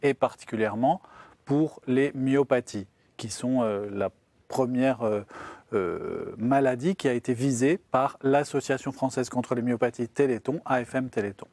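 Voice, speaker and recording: A man's voice: medium pitch, moderate pace, a little mellow, dry recording. A man, a guest expert, explaining science simply on a broadcast show, step by step in plain words, as if to a child.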